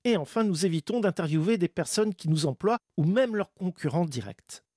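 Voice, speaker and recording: A man with a fairly high voice presents a radio chronicle in a wry way. The sound is close and dry, as in a studio. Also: animated, normal speed, a little mellow, no echo. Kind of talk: semi-scripted radio chronicle.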